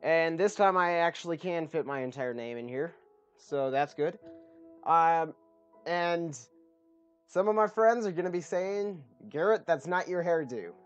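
A man talks through a game session in a loose, rambling commentary style. He chats easily and fills his pauses with ums. Faint game music plays quietly behind him. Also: on the high side, animated, clear, resonant tone, lo-fi sound. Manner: rambling, chatty with frequent ums. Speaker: let's play host. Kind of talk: casual gameplay commentary.

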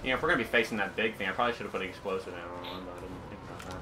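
A man's voice: deep voice, very fast, very noisy. A man hosting a co-op gameplay session, chatting casually and rambling with lots of fillers. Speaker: gaming channel host.

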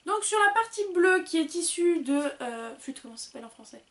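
A young woman from France chatting excitedly and casually as she unboxes and describes books and goodies. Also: extremely high pitch, fairly quick. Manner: chatty, excitable, loose with swearing. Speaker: booktuber.

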